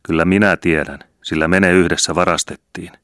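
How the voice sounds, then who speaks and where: A man voicing a wild, defiant farmer's daughter who shouts threats in an audiobook reading. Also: deep voice, monotone, no echo, studio quality, lightly acted.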